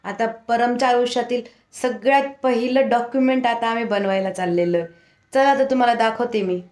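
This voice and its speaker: A woman chats to her viewers in a casual home vlog. Her voice sits fairly high and turns playful and coaxing when she talks to a toddler. The sound is echoey, as in a bare room. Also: steady tone, fairly quick, darkish tone. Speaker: vlogger.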